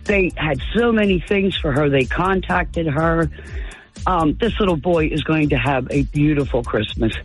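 A man's voice: a little high, moderate pace, husky, soft background music, poor audio. A man calling a radio show, telling a heartfelt story in an earnest, sentimental way.

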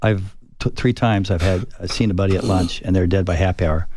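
An older man, a retired Air Force fighter pilot, telling stories in an interview with a reflective, halting manner full of restarts. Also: deep voice, steady tone, darkish tone, no echo, clean studio sound. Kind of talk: conversational interview storytelling.

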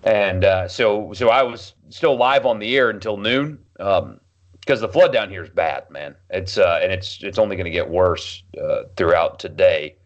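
A man's voice: sits low, normal speed. Chatty man on a dull lo-fi line. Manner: chatty storytelling with fillers. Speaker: radio show host, podcast co-host. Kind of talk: casual chat. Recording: dull lo-fi sound.

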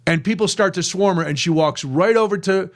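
A man's voice: high-pitched, fairly quick. An older man hosting a radio show, telling self-mocking stories in a casual chat. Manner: animated, self-mocking storyteller. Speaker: radio host.

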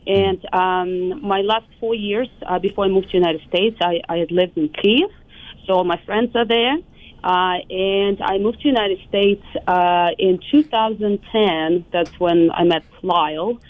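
A woman in her thirties from Ukraine, speaking with a Ukrainian accent, who calls in as a radio guest and talks softly and hesitantly with many fillers. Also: mid-range voice, unhurried, no echo. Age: 30s. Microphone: phone. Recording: dry, tinny phone line.

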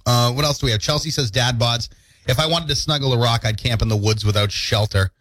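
With a slightly fast delivery and a mid-range voice, this man in his thirties co-hosts morning radio, playfully telling stories and jokes with animation. He's on a studio mic, and there's no room sound.

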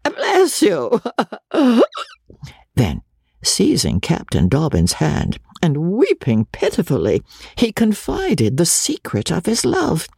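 A man's voice: fairly high pitch, wildly swooping pitch, unhurried, gravelly, darkish tone, slightly rough, dry recording, clean studio sound. A man narrating a classic novel aloud with a dramatic, swooping delivery. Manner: dramatic, swooping delivery with many character voices. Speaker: audiobook narrator. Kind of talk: expressive literary narration.

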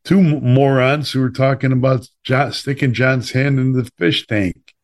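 Host: middle-aged Chicago man, mid-pitched, chatty and meandering. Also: normal speed. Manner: rambling, lively, many fillers and restarts. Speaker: podcast host. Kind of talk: casual chat.

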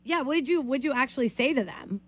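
Chatty high-voiced woman radio host. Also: quick pace, no echo. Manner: chatty, gossipy, animated. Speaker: radio morning show host. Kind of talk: casual radio chat.

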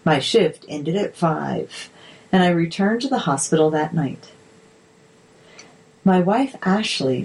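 A woman narrator reading articles aloud in a measured, steady way. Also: low voice, slightly rough, low-quality recording.

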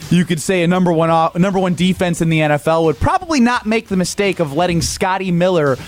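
Hombre de voz aguda, locutor de radio deportiva animado. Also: male voice, sits high, fast. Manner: boisterous, hyped ad reads. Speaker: sports radio co-host. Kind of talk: sports talk and live ad reads. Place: radio studio.

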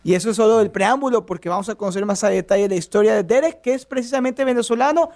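A male radio host with a notably high voice and a gravelly edge. He speaks with upbeat announcer energy from the studio. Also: fast, darkish tone. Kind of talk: radio interview hosting.

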